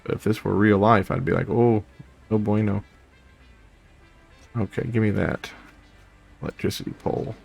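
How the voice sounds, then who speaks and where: Young adult man, deep voice, gravelly fry, chatty let's play commentary. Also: steady tone, fairly quick, soft background music. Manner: rambling, chatty, hums to himself. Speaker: gaming video host.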